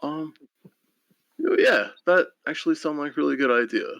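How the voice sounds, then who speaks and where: A man's voice: fairly high pitch, very animated, moderate pace, creaky, a bit bright, no echo. A man playing a tabletop game, talking casually and hesitantly with many fillers. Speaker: player.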